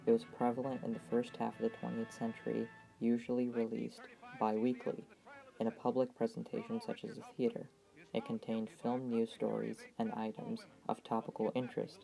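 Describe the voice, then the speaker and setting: A man reading scripted documentary narration in a measured, even, gravelly voice. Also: medium pitch, soft background music, low-quality recording.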